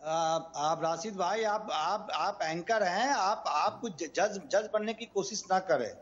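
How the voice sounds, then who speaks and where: A man's voice: high voice, slow, a bit bright, husky, dull audio. A male political analyst joining a heated live TV debate, indignant, stammering and repeating himself as he argues back.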